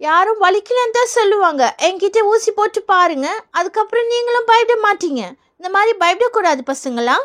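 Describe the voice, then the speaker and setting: A woman's voice: very high voice, animated, brisk, a bit bright. Woman doing a soothing school nurse. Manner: soothing, patient. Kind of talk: doll play voice acting.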